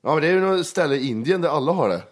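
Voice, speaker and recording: A young man joking with friends in a loose chat. He makes dry, crude jokes and teases the others. His pitch moves a lot as he talks. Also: expressive. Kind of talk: casual crude banter.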